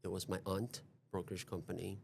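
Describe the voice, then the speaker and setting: Deep-voiced man, halting and repetitive. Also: little pitch movement, vocal fry, slight background noise. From Taiwan. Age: 40s. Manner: hesitant, halting, repeats himself. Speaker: guest. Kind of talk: podcast interview.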